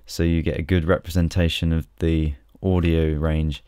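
A man casually walking through a software tutorial, chatty and relaxed, with frequent ums and small restarts. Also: a bass voice, moderate pace, clear, resonant tone. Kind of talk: casual screen-recorded tutorial.

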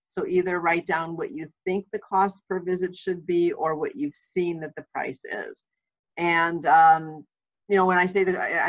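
A woman's voice: sits low, fairly bright tone. Woman, home watch trainer, chatty webinar talk, anecdotal asides, muffled lo-fi sound.

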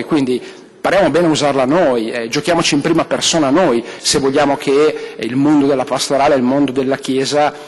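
A man's voice: on the high side, breathy edge. A man in his thirties, a priest, giving a conference address at a desk microphone, thoughtful and hesitant with many fillers and restarts. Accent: Italian. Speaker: diocesan communications director. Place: large conference hall with audience. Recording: long hall reverb.

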